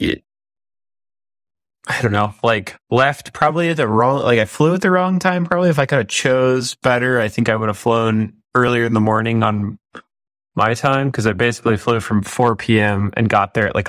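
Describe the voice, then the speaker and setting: A man co-hosting a podcast, chatting casually in an upbeat, informal, halting way. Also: medium pitch, a bit bright, no echo, clean studio sound. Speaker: podcast host. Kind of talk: casual chat.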